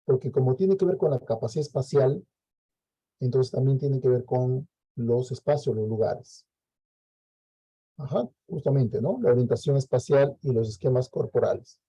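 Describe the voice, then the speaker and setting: A man's voice: mid-range voice, normal speed, warm tone, breathy edge, dry recording, rough recording. A Peruvian man lecturing a class, explaining step by step and checking in with frequent "¿no?" tags. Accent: Peruvian Spanish. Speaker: teacher.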